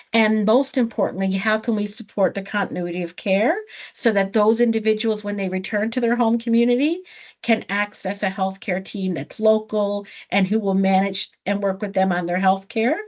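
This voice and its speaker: A woman's voice: mid-range voice, a little mellow, highs cut off. A woman with a Newfoundland accent giving a formal conference presentation.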